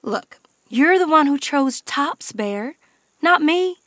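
A woman voicing a clever, hardworking mother rabbit in a children's story, with a cheerful, brisk and matter-of-fact way of talking. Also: sits high, animated, a bit bright, no echo, exaggerated voice.

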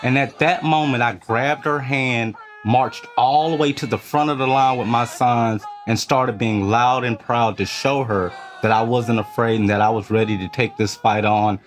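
A man's voice: mid-range voice, normal speed, hardly any pauses. A man with a Midwestern American accent, a labor organizer who recounts his past casually and acts out the quotes he tells. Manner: casual, animated retelling with acted-out quotes. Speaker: labor organizer, former fast-food worker. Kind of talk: interview storytelling.

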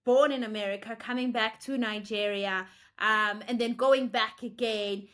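A woman with a fairly high-pitched voice hosts an interview show. She asks light, playful icebreaker questions and encourages her guest to keep talking. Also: fairly even intonation, moderate pace, a bit bright. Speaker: host. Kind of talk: casual interview conversation.

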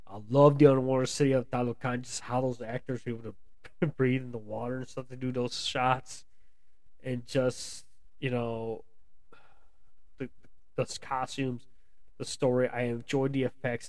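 A man's voice: mid-range voice, flat delivery, normal speed, darkish tone, dry recording. An American man giving a casual, rambling film review, with lots of restarts and fillers. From United States. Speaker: movie reviewer.

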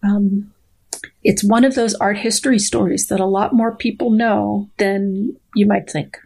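Guesting on a show as a scientist, a middle-aged woman alternates between reading aloud formally and explaining things in plain conversation. Her phrasing is careful and exact, touched with playfulness. The voice is mid-range and fairly even in intonation, creaky, a little mellow and slightly rough.

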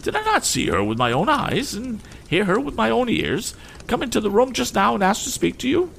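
A man voicing a haughty, easily offended genteel lady in a shrill falsetto, in a read-aloud story. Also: wildly swooping pitch, fairly quick, creaky, fairly bright tone, a little hiss or hum, exaggerated voice, rough recording. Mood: indignant.

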